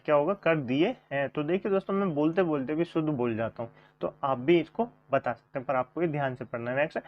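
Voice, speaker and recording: A man teaching a grammar coaching class, asking questions and repeating the answers to his viewers. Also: on the high side. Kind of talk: online coaching class lesson. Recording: dull lo-fi sound.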